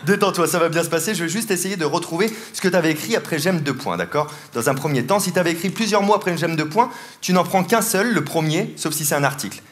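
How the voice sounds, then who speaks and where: High-leaning and quick, with hardly any pauses, this man's voice drives a live stand-up mentalism act in a large theatre. He's playful and teasing with volunteers, laughing often, while the crowd laughs and claps.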